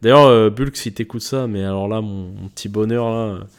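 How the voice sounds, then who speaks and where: A man's voice: fairly low pitch, normal speed, clear, resonant tone. Young man rambling in slangy casual talk. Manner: rambling, loose slangy talk with many fillers. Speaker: podcast host. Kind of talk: casual motivational monologue.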